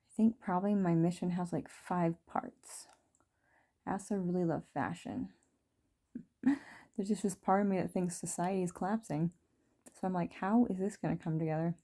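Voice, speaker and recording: A woman in her thirties talking through her feelings in a rambling, reflective video diary, full of fillers and soft laughs. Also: on the low side, fairly even intonation, moderate pace, pauses often. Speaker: vlogger. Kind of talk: reflective personal diary talk.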